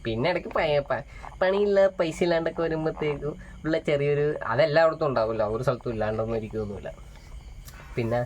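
A man's voice: medium pitch, slight background noise. Young male vlogger, chatty and meandering, recorded at home on dull lo-fi audio. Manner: rambling, with many fillers and repeats. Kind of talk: casual personal monologue. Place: small rented home. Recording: dull lo-fi phone audio with faint crickets.

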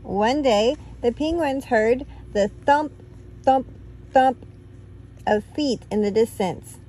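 Slow expressive woman reading a bedtime story. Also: on the high side, a little hiss or hum. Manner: slow, expressive, playful counting.

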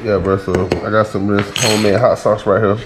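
A man's voice: on the low side, level tone, quick pace, noisy background. A man hosting a casual cooking and fishing vlog, hyped and slangy, calling out to his viewers. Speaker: vlog host. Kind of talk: casual outdoor vlog chat. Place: outdoors.

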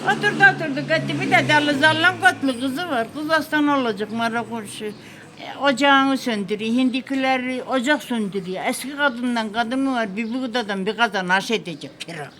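A woman's voice: on the high side, fairly quick, fairly bright tone. An old woman with a rural Turkish dialect chatting and reminiscing in a folksy way, calling her listener dear. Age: elderly. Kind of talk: casual chat, reminiscing. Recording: noisy recording with ambient sound.

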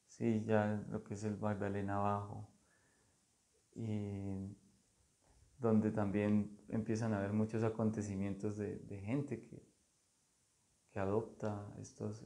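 A man from Colombia, an artist, talking slowly and thoughtfully in his studio, pausing often and restarting his phrases. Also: on the low side, creaky, mellow. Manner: slow, thoughtful, halting with many fillers. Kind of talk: casual conversation about art.

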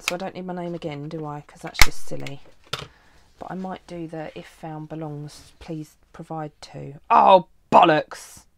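Against a noisy background, a deep-voiced woman talks as she sets up her planner at a crafting desk. A planner vlogger, she keeps it casual and swears without hesitation.

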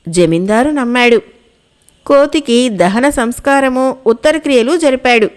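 Woman storyteller, high voice, steady folk-tale reading. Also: unhurried, smooth.

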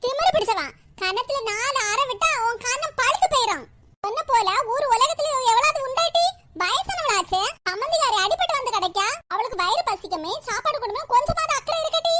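A woman voicing a playful, scheming old mother-in-law in a comic cartoon, in a Kanyakumari Tamil accent, with a high, exaggerated voice and cackling laughs. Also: lively intonation, brisk, pushed and bright, exaggerated voice. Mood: scolding.

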